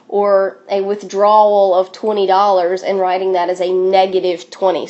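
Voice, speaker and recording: A woman's voice: mid-range voice, darkish tone, lo-fi sound. Woman math teacher, upbeat, encouraging, playful catchphrases, step-by-step review lesson. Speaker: sixth grade math teacher. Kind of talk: recorded classroom review lesson.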